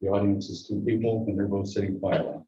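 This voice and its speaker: A man's low, dark voice, muffled by a face mask, moves quickly with fairly even intonation as he chairs a public board meeting and runs the agenda with dry asides. It's a dull, echoey recording made from a distance in a meeting room.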